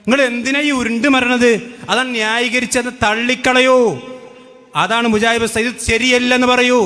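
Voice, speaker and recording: A man's voice: very high-pitched, sharp tone, in a large hall. A man giving a combative religious rebuttal, firing rhetorical questions. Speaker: religious debate speaker. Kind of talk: polemical religious rebuttal talk.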